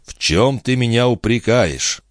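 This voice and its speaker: A man voicing Balsamo, a proud, ambitious man who speaks in a measured, soothing way in an audiobook reading. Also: mid-range voice, animated, no room sound, studio quality, pitched above the performer's own voice, natural voice. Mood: calm. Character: ambitious man, calm, proud, tender but cool.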